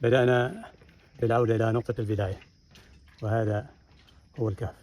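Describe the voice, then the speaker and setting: Fast-talking Omani man hosting outdoors. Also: mid-range voice, fairly even intonation, a little mellow. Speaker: host interviewing participants of an outdoor adventure. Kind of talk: on-location vlog narration and interviewing. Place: outdoors on rocky ground at a cave. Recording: faint outdoor background noise.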